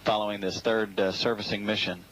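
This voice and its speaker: A man provides live spaceflight commentary. His voice is fairly deep and very even in pitch. He speaks formally and carefully, with frequent hesitant pauses between phrases. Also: noisy background. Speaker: mission commentator.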